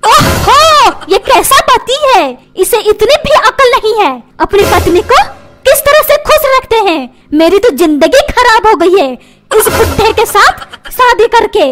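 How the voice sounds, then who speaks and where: A woman's voice: very high voice, lively intonation, a little slow, over music. A woman voicing a dramatic, nagging cartoon mother who complains about her husband.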